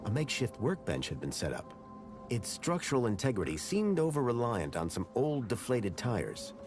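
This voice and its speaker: A man's voice: mid-range voice, very animated, moderate pace, music in the background, lightly acted. A man playing a wry, persistent adventure game hero, no longer young, with a dry conversational delivery. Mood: reflective. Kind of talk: video game voice acting and first-person narration.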